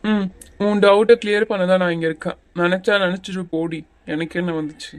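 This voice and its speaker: A woman voicing a calm, teasing young male hero in a cartoon series. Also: fairly low pitch, fast talker, no echo, natural voice. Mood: dismissive. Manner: teasing, patient, a little bossy. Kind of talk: Tamil cartoon series voice acting.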